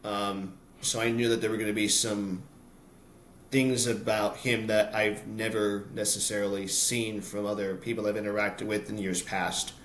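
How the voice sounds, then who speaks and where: This American man, an announcer and voice-over artist, speaks as an interview guest with a flat delivery at a moderate pace. His pitch is fairly low, his tone fairly bright, and he tells personal stories in a recording with roomy echo and noticeable background noise.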